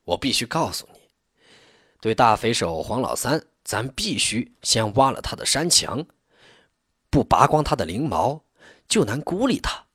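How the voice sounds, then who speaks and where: A man doing a calm, shrewd district chief. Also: medium pitch, a little slow, long pauses, slightly rough, dry recording, clean studio sound, exaggerated voice. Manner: calm, patient.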